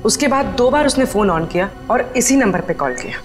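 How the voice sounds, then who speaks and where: An actress playing a police officer giving a brisk, factual report. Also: female voice, fairly high pitch, lively intonation, over music, close to an everyday voice.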